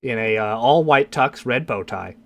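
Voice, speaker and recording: A man's voice: mid-range voice, animated, moderate pace, gravelly, a bit bright. A man co-hosting a gaming podcast, chatting casually in a playful, chatty way. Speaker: podcast co-host.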